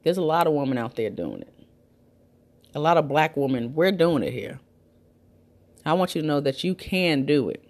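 A woman's voice: low voice, animated, normal speed, pauses often, darkish tone. A woman hosting a breastfeeding support talk, giving new mothers emphatic, repetitive, reassuring advice in casual, colloquial speech.

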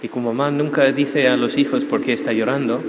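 A man's voice: medium pitch, fairly even intonation, a little fast, a little hiss or hum. A priest giving a conversational, story-filled homily, often asking his listeners "¿verdad?". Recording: echoey church hall.

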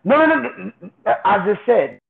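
A man's voice: sits high, sing-song, moderate pace, gravelly. A man co-hosting a casual sports podcast, talking insistently and repeating himself to make his point, heard over a remote call whose audio keeps glitching and breaking up. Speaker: podcast co-host. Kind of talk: casual argumentative sports chat. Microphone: headphones with built-in mic on a remote call. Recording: tinny phone-like call line.

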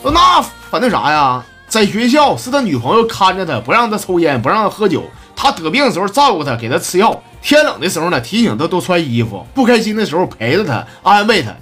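A man with a Northeastern Chinese accent hosts a joke segment, and his voice swings widely up and down as he tells each one. He sits a little high for a man and chuckles at his own punchlines. Music plays clearly behind him. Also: big pitch swings, fast, hardly any pauses, fairly bright tone. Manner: playful, laughs at his own jokes. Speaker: host reading listener jokes. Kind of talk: comedic joke reading.

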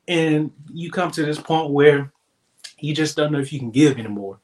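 A man's voice: on the high side, normal speed. A man hosting a casual devotional talk, upbeat and encouraging in a loose conversational way. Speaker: devotional host.

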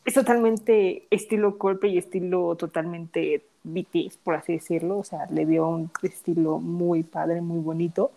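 Young woman, casual fan chat, giggly and gushing, mellow warm tone. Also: lowish voice, steady tone, normal speed, vocal fry, hardly any pauses.

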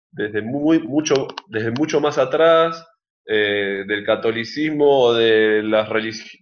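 A man with an Argentine accent, a guest in a casual interview, explaining his views in a reflective, measured way. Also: medium pitch. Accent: Argentine Spanish. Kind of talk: casual conversation. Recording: dull lo-fi sound.

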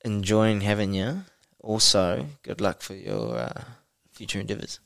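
Low-voiced Kiwi man, blokey podcast host. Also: sing-song, unhurried, creaky, a bit bright, dry recording, studio quality. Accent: New Zealand. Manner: blokey, slangy, freely swearing. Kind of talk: casual interview chat.

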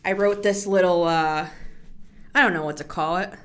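A woman hosting a casual solo podcast, short of breath and taking deep breaths as she talks in a chatty, rambling way. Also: steady tone, normal speed. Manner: chatty and rambling, with frequent "like" fillers. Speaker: podcast host.

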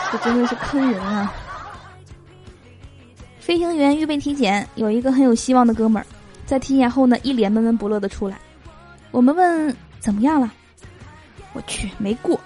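A woman's voice: a little high, dark tone. A woman hosting a joke show, reading jokes aloud in a cheerful way and laughing at her own punchlines. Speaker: host.

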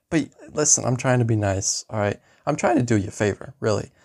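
A man's voice: medium pitch, very animated, normal speed, darkish tone. A man voicing a boastful male seaweed farmer, with a wheedling salesman manner.

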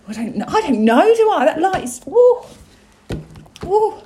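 A woman's voice: sits high, sing-song, brisk, darkish tone. A young woman co-hosting a casual chat with her mother, teasing and dramatic, often laughing. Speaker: podcast co-host, daughter.

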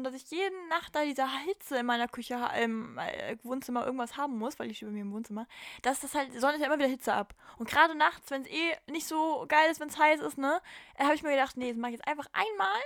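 Young woman co-host, high voice, dry close sound, chatty and laughing. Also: fast talker, no room sound. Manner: lively, laughing storyteller. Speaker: podcast co-host. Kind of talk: casual chat.

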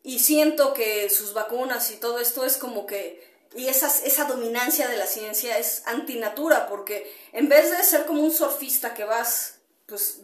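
A woman's voice: a little high, echoey room. A woman hosting a casual solo podcast, rambling with many fillers and tag questions and greeting listeners as she goes. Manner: greets listeners mid-talk. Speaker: podcast host.

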